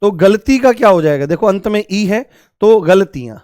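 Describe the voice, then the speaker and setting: A man with a fairly high voice runs a live online grammar class. He repeats each key word and keeps asking his students to call out examples. The sound is close and dry, with no room echo. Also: expressive, normal speed, a little mellow. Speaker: Hindi grammar teacher.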